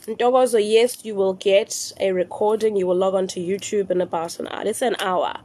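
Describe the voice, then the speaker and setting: A South African woman hosting a phone live stream, explaining rituals slowly and repeating her instructions, slipping into Zulu phrases. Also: mid-range voice, fairly even intonation, dark tone. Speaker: spiritual live-stream host.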